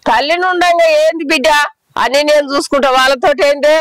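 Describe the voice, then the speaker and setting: A woman playing an older village mother who consoles her married daughter with slow, repetitive reassurance, in a Telangana Telugu accent. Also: sits high, a bit bright, rough recording. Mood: soothing. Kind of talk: village short film drama.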